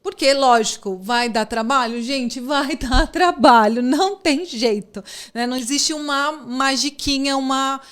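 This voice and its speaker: A woman's voice: high voice, a little slow, a bit bright. A Brazilian woman hosting a podcast in a casual, effusive and thankful way. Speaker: podcast host.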